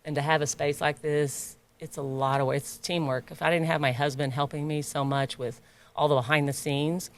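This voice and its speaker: A woman's voice: deep voice, steady tone, moderate pace. A woman who owns a gym, chatting in a podcast interview, laughing often and getting emotional about her members. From United States. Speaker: gym owner and trainer.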